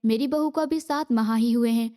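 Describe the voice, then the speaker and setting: A woman's voice: fairly high pitch, mellow, lightly acted. A woman reading the part of a harsh, scolding mother-in-law in an audiobook. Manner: scolding, angry.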